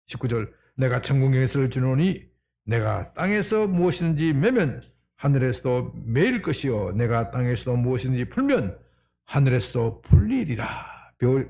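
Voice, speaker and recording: A man's voice: a little high, vocal fry, a little mellow. A male senior pastor preaching a Sunday sermon, asking the congregation rhetorical questions.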